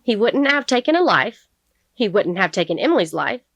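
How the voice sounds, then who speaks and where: A woman voicing a sharp, relentless female prosecutor who presses a witness with pointed, needling questions. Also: mid-range voice, very animated, moderate pace, no echo, dull audio, voice pushed up. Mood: pressing. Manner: pointed, needling cross-examination.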